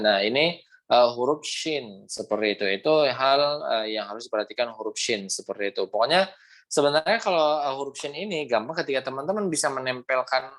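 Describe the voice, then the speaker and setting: A man teaching pronunciation in an online class over a video call, patient and repetitive, modeling sounds slowly. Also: medium pitch, fairly bright tone. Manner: patient, repeats "seperti itu, ya" often, demonstrates sounds. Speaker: Quran recitation teacher.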